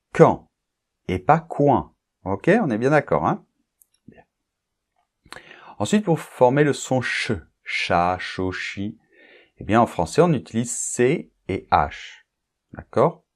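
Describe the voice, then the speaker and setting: Slow, lively-pitched male French teacher. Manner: patient, repeats example words, checks understanding often. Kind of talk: pronunciation lesson.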